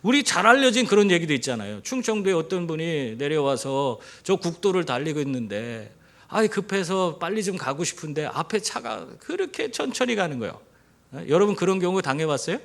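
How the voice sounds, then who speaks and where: A man's voice: fairly high pitch, brisk. A male pastor giving a sermon in church, telling stories with animation and throwing questions at the congregation. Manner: engages the congregation with rhetorical questions; animated storyteller. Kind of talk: sermon with humorous anecdotes.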